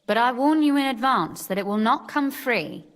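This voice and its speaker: A woman's voice: on the high side, normal speed, in a large hall, natural voice. An actress playing a proud, bookish, teasing noblewoman in a video game, speaking in an articulate, self-assured way. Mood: confident teasing.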